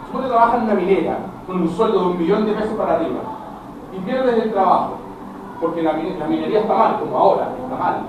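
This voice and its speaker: Animated Chilean teacher in an echoey classroom. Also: male voice, high-pitched. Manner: animated, addresses students directly, acts out dialogues. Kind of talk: classroom lecture. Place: school classroom. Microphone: camera at a distance. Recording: very echoey classroom, far from mic, noisy.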